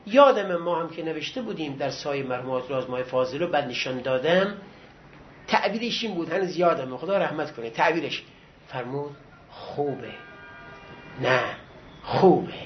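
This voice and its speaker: A middle-aged man with a high voice teaches a seminary class and tells stories from his own past, in an easy and encouraging way. The recording is dull and lo-fi. A faint hiss sits under his voice. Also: animated. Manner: conversational, reminiscing, encouraging. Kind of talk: lecture with personal anecdotes.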